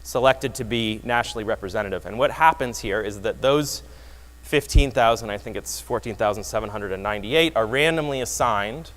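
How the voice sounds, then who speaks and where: A man giving a lively, wry conference talk that explains research results, often restarting his phrases. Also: on the low side, fairly quick. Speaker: presenter. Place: conference hall. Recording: long hall reverb.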